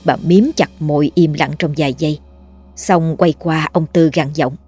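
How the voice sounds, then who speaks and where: Give me a woman telling a horror story, low-pitched and dry, over faint music. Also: fairly even intonation, moderate pace, darkish tone, slightly rough.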